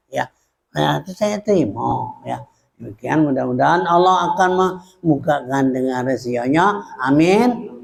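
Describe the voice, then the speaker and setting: A man with a Palembang Malay accent gives a sermon as a religious teacher, unhurried, with frequent pauses and fillers. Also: a little high, gravelly, a little hiss or hum. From Indonesia.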